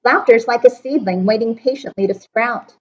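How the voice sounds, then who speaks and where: A woman's voice: fairly high pitch, normal speed, dull audio, close to an everyday voice. A woman voicing a cheerful, determined male court jester in a rhyming storybook, in a near-natural voice. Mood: joyful. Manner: rhyming storybook speech, earnest.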